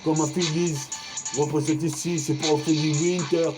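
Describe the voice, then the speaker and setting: A French rapper in his forties freestyles over loud backing music, rhyming in a rhythmic flow and half-singing some lines. His voice is fairly high, flat in delivery, at a normal speed.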